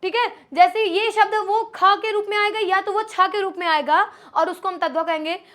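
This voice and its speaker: Woman, Hindi grammar teacher, very high pitch, bright tone, slows to stress key letters, calls students "my child". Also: steady tone. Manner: addresses students as "my child", asks and answers her own questions. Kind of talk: online exam-prep lesson.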